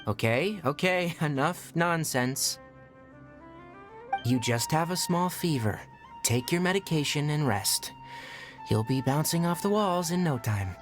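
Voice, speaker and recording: An actor voicing a young male forest ranger and healer in a video game, calm and matter-of-fact with a light teasing edge. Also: fairly high pitch, measured pace. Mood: reassuring. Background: game music.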